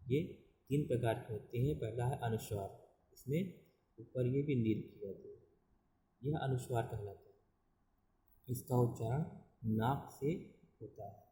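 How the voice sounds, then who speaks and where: A male school Hindi teacher giving a classroom grammar lesson, explaining slowly and repeating definitions with checking fillers. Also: medium pitch, dark tone, reverberant, low-quality recording.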